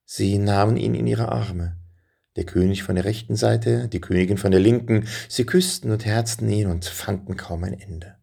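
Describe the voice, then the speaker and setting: A man reading a children's story aloud in a lively, dramatic way, dropping to hushed passages. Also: lowish voice, normal speed, gravelly, slightly rough.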